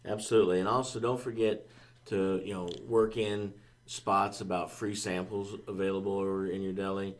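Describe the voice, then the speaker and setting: A man co-hosting a casual business podcast, giving steady, easygoing advice with fillers. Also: low voice, moderate pace. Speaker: podcast co-host, marketing staff.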